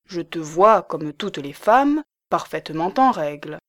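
A woman's voice: lowish voice, lively intonation, unhurried, fairly bright tone. A woman voicing a plain middle-aged spinster cousin who makes dry, knowing remarks. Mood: wry.

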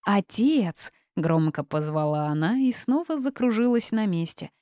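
Mellow-voiced woman reading a story. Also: lowish voice, moderate pace, smooth, dry recording, clean studio sound. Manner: lively, expressive reading. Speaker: audiobook narrator. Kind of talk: first-person storybook narration.

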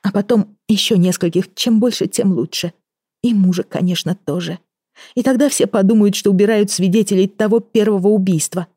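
A woman's voice: brisk, dark tone, breathy edge, no echo, clean studio sound, lightly acted. A woman reading an audiobook and voicing a desperate young woman who confesses to murders, in a pleading, breathless way. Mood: confessing. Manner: pleading, breathless, rising pitch.

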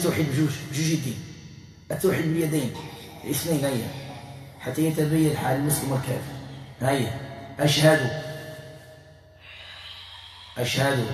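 A man leading an exorcism session, pleading and commanding, and chanting verses slowly. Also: medium pitch, a little mellow. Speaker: exorcism healer. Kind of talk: exorcism session with Quran recitation. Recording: echoey hall, voice far from mic.

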